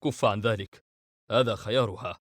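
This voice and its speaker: A man reading an audiobook, voicing a calm eldest brother who speaks steadily. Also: fairly low pitch, normal speed, no room sound, studio quality.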